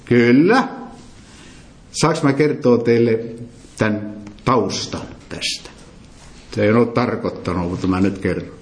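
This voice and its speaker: Male preacher, middle pitch, emphatic, quizzes the room; roomy hall echo. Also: long pauses. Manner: quizzes the listeners with questions, emphatic. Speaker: preacher leading a Bible study. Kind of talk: interactive sermon.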